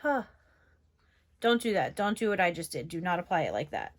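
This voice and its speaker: A young woman from New York, USA, vlogs about beauty, chatting casually as she tries out makeup on camera. Her voice is on the low side, sing-song and brisk, with a general northeastern American accent, and she rambles with lots of fillers.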